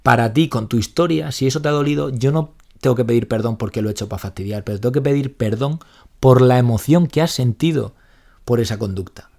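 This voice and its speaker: A young man with a Spain Spanish accent, a psychologist co-hosting a casual podcast, talking quickly and acting out example lines. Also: medium pitch, gravelly. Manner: fast, animated, acts out example lines. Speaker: psychologist co-host.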